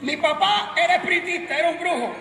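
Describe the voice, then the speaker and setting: A middle-aged Puerto Rican man with a Puerto Rican accent preaching a sermon, shouting emphatically and joking with the congregation. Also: very high-pitched, fast, slight background noise. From Puerto Rico. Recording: echoey room with music and crowd.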